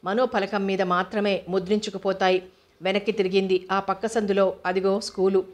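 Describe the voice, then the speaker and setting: Flat, steady woman reading a novel. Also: mid-range voice, normal speed. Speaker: narrator.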